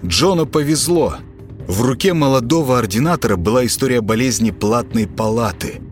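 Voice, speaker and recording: A man narrating a story in an expressive reading style. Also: medium pitch, moderate pace, faint music behind. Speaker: audiobook reader. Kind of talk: scripted narration.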